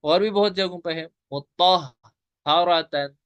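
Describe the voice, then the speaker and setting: Man, tajweed teacher, online class, patient step-by-step explaining, slightly high voice, dry close sound. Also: moderate pace, a bit bright, no echo.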